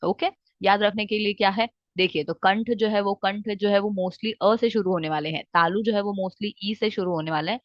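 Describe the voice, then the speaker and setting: A woman's voice: mid-range voice, fairly even intonation, no echo. Woman teacher, checking in as she explains. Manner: frequent "theek hai" check-ins, drawn-out recitation. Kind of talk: explaining lesson with Hindi-English mix. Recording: dry, slightly dull recording.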